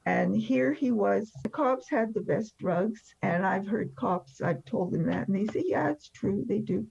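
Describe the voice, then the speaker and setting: An elderly woman, seventy or older, born in France and emigrated after the war, speaks candidly and matter-of-factly about her life in an interview. Her mid-range voice is animated, gravelly, slightly rough, and darkish, and she speaks a little slowly. The audio is dull.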